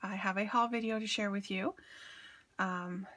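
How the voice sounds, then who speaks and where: Sniffly and stuffed-up from allergies, a woman with a medium-pitched, steady, fairly bright voice talks at normal speed as a craft haul vlogger. She gushes over her craft supplies on camera in casual show-and-tell, dropping plenty of ums.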